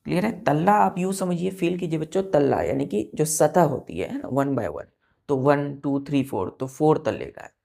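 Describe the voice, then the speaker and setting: A woman's voice: low voice, animated, normal speed, creaky, mellow. A woman with an Indian accent teaching vocabulary in a patient classroom manner, spelling words letter by letter and checking that the students follow.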